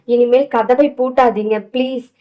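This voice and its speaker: A woman reading an audio novel, voicing a frightened, tearful young wife who pleads in drawn-out words. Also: fairly high pitch, fairly even intonation, dark tone, close to an everyday voice, poor audio. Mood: pleading.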